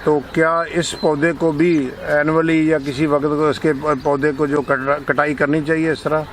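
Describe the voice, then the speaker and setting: A man's voice: on the high side, flat delivery, a little hiss or hum. A man with a Pakistani Punjabi accent, hosting an interview outdoors and politely asking detailed questions. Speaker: host interviewer. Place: outdoors on a farm.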